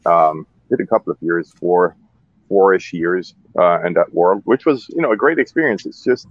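A Swiss cigar maker in his thirties chats loosely and candidly as a guest on a radio show, his low voice at a moderate pace and full of fillers and restarts. It's relaxed interview talk from a radio studio, and the recording is dry and muffled.

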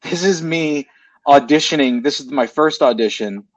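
A man's voice: a little high, moderate pace, crowd noise, poor audio. A man co-hosting a talk radio show, telling a rambling story in casual chat and correcting himself as he goes.

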